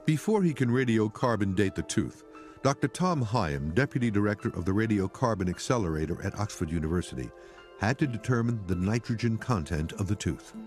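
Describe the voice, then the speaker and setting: A man's voice: fairly low pitch, expressive, a little fast. A man reading scripted narration as the narrator of a documentary. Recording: loud music under the voice. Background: music.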